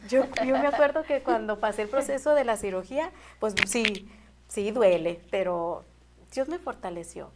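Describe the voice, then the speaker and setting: A woman's voice: fairly high pitch, expressive, normal speed, darkish tone, a little hiss or hum. A woman telling an emotional faith testimony in an earnest, heartfelt way as a guest. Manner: earnest, heartfelt, repeats and restarts phrases.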